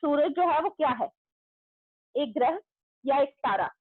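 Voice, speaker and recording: A woman school teacher giving an online class to young children. She talks loudly, calls out pupils' names and praises their answers. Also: high voice, expressive, a little slow, dry recording. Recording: tinny phone-like audio.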